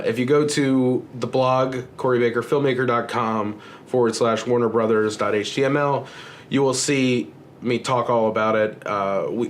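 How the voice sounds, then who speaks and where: A man's voice: on the low side, a bit bright, slight background noise. A man talking casually in a vlog, with lots of fillers and restarts and the odd swear. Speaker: filmmaker vlogger. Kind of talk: casual chat.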